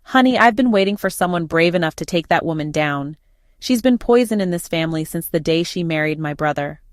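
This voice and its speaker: A woman's voice: fairly low pitch, animated, fairly quick, no room sound, studio quality, natural voice. A woman reading the lines of a grim, blunt middle-aged aunt who is a nurse, in a storybook reading. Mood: indignant.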